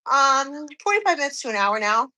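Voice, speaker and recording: Woman in her 40s, a little out of breath, high-pitched and chatty, answering viewers mid-workout. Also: big pitch swings, moderate pace, sharp tone, low-quality recording. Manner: chatty, reads comments aloud and answers. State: slightly out of breath while doing cardio. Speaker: fitness streamer. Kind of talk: live stream chat reading comments.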